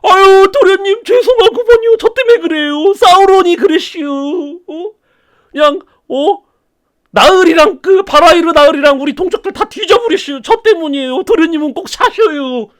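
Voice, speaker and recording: A man's voice: extremely high pitch, normal speed, voice pushed up. A man voicing a broken, apologetic male peasant who speaks in a rustic, whining country manner.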